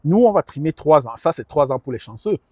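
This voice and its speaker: A man's voice: a little high, animated, a little fast, mellow, dry recording. Earnest middle-aged man, dry close sound. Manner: earnest, repeats words while searching for them. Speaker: guest advisor on immigration. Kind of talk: conversational interview.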